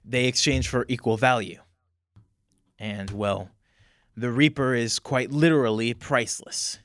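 A man's voice: mid-range voice, fairly even intonation, measured pace, fairly bright tone, no room sound. Hesitant man narrating a tabletop game. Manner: hesitant, many fillers, laughs often. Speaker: game master.

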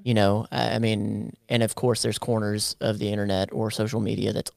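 A man's voice: lowish voice, little pitch movement, brisk, vocal fry, a little mellow, no echo, studio quality. A man hosting a podcast, asking thoughtful questions and encouraging his guest. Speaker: podcast host. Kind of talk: casual podcast interview.

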